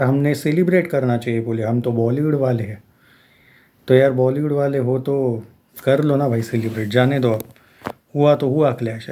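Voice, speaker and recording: Young guy rambling on about film news, slightly high voice, soft mellow tone, lots of "uh"s and restarts. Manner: rambling, with many fillers and restarts. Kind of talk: casual film commentary.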